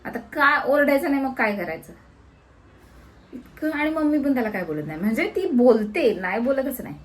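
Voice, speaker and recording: A woman's voice: high-pitched, lively intonation, normal speed. Chatty young Marathi woman vlogger. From India. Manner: chatty, repeats words, mixes in English and Hindi. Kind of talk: casual home vlog. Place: family home.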